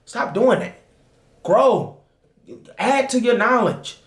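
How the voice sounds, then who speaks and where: In an echoey room, a man in his 20s from Dayton, Ohio, USA, guesting on his wife's show, talks casually with passion and keeps asking "you know what I'm saying." His very high-pitched voice is animated, though his pace is slow.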